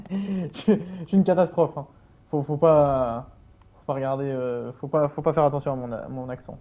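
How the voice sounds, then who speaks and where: Mellow-voiced man streaming a game. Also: medium pitch, fairly even intonation, brisk. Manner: rambling, filler-heavy, chatty with chat. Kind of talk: casual gameplay commentary.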